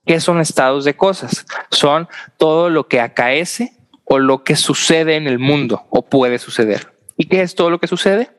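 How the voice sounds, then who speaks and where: A man's voice: on the high side, measured pace. Young man explaining in a podcast chat. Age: young adult. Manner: explains at length, often adds tag questions. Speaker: podcast guest, philosophy student. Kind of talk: casual explanatory podcast conversation.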